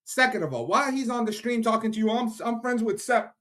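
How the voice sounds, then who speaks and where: A man's voice: extremely high pitch, fast talker, fairly bright tone. A man from Iran ranting angrily to his viewers on a live stream, swearing often and talking straight to them. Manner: angry, profane, addresses viewers directly. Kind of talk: heated live-stream rant.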